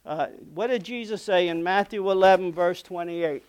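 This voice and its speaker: A man's voice: high-pitched, normal speed, darkish tone, smooth. A man preaching a sermon in an earnest, conversational way, often checking in with "okay?", and saying he is losing his voice.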